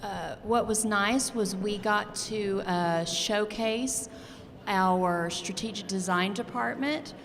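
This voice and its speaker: A woman's voice: mid-range voice, slow, a bit bright, a little hiss or hum. A woman from Texas, an instructional coach, speaking hesitantly with many fillers. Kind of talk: conference interview. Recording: reverberant hall.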